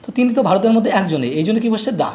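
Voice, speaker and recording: High-voiced teacher quizzing students. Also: male voice, big pitch swings, racing, dark tone. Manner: explains step by step with repeated quiz questions. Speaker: English teacher. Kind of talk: grammar lesson explaining articles.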